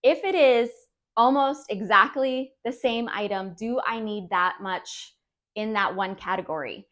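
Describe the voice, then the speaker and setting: Encouraging woman vlogger, higher voice. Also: measured pace, fairly bright tone. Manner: friendly and encouraging, with light laughs. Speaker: decluttering channel host. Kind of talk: casual instructional vlog talk.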